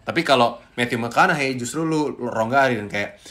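A man, a guest chatting casually on a podcast, animated and switching between languages. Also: mid-range voice, moderate pace. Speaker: guest impressionist.

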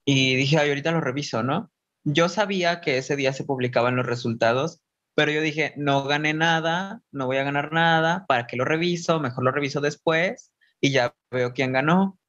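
Animated man telling a story, muffled. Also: moderate pace. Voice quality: animated, acts out his own past thoughts in a higher voice. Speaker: interview guest, burlesque performer and dance teacher. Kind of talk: casual storytelling interview.

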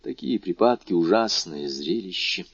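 A man voicing a grave, composed male doctor who speaks in a measured, low, sometimes hushed way. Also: lively intonation, slightly rough, dry recording, exaggerated voice. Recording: dull dry lo-fi recording.

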